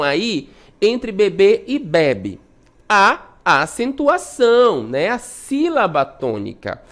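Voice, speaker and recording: A woman teacher with a Brazilian accent giving a recorded lesson, explaining patiently and constantly checking in with her students, sometimes stretching words out slowly. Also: medium pitch. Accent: Brazilian Portuguese. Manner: stretches out syllables slowly to demonstrate stress.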